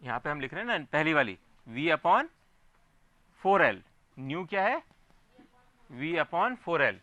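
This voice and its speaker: A man's voice: on the high side, big pitch swings, a little slow, sharp tone, no room sound. A man teaching a physics class, explaining step by step and often asking his students whether they follow. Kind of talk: classroom lecture.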